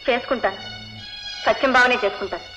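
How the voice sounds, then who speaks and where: A woman's voice: fairly high pitch, quick pace, pushed and bright, faint music behind, low-quality recording. A young woman playing a lovesick, distraught daughter who protests in pleading tones, in a 1970s film. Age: young adult. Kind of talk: 1970s Telugu film acting.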